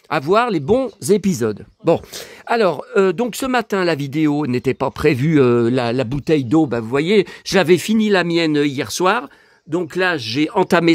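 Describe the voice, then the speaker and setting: A man's voice: on the high side, no room sound. A man vlogging at home in a casual monologue, talking indignantly and rambling with many fillers and restarts. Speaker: YouTuber.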